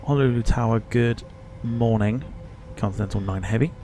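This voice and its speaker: A man's voice: medium pitch, moderate pace, dark tone, faint music behind. A man making pilot radio calls in clipped air traffic phraseology, reading back instructions while flying a simulator. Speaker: streamer flying a flight simulator.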